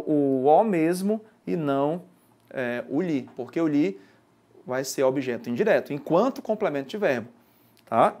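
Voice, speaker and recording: Brazilian guy, grammar teacher, slightly high voice, keeps asking "ok?" as he explains. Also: a little mellow. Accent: Brazilian Portuguese. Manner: explanatory, often checking in with "certo?" and "ok?". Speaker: Portuguese language teacher. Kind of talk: exam-prep grammar lesson.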